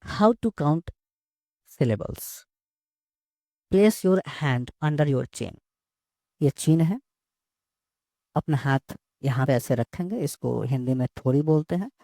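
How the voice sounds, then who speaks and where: A male teacher explains slowly and steadily, often going back over the same words. His voice sits a little high for a man yet sounds dark and gravelly. It is recorded close up and dry. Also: animated, no echo. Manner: slow, repeats words and phrases while explaining. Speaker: English teacher. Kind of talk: bilingual lesson explanation.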